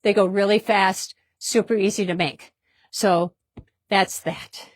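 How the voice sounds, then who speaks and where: A woman's voice: medium pitch, fairly even intonation, slow, dry recording, studio quality. A woman hosting a casual product demonstration in a fabric shop, chatty and upbeat, often repeating herself.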